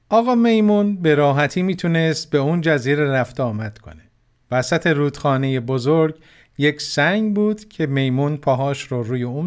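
A male storyteller reading a fable for children in a slightly raised voice. He narrates gently and speaks directly to his young listeners. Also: a little high, smooth. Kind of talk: scripted narration.

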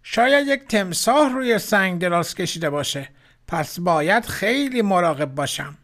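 A man's voice: high-pitched, expressive, fairly bright tone, pitched above the performer's own voice. A man voicing a clever, cautious male monkey in a children's story, sly and playful.

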